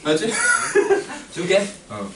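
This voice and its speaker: A man's voice: high-pitched, wildly swooping pitch, drawn-out words. A man teaching a math class in a loose, joking way, using coarse slang and constantly asking whether students agree. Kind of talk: casual classroom lecture with teasing. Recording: echoey classroom recorded from far off with noise.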